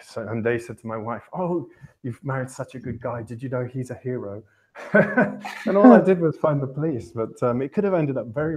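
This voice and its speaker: With a mid-range voice that's a little mellow, a podcast host wanders through a lengthy personal anecdote, correcting himself and letting out wry chuckles along the way in a casual storytelling style.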